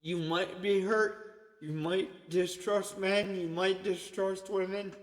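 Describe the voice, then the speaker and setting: A man's voice: sits high, steady tone, takes it slowly. A man preaching an informal sermon in a conversational way, often checking in with "okay?". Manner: conversational, repeatedly asks "okay?". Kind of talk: informal sermon to an online group. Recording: echoey long reverb.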